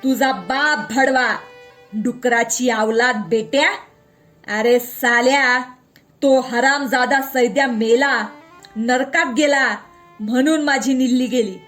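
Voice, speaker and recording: Brief: a woman playing a fierce nomad man in a storybook, defiant and foul-mouthed, shouting each word slowly. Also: high-pitched, soft background music, voice pushed up. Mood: angry, shouting. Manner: loud, shouting, slow and emphatic.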